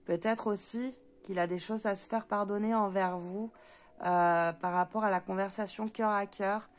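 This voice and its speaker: A French-accented woman giving an intuitive card reading, her voice pitched at an ordinary middle height. She rushes her words, stumbles and restarts, and leans on hesitant fillers as she goes. Faint noise sits under her voice. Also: fairly even intonation. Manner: talks fast and stumbles, many hesitant fillers. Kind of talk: spoken card reading for viewers.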